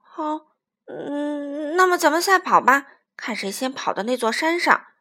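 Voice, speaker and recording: A gentle father tyrannosaurus in a children's storybook, played by a woman. He speaks softly and soothingly, a little lower than the storyteller's own voice, with warm patience. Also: expressive, unhurried, heavily acted. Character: kind gentle father tyrannosaurus, soft-spoken.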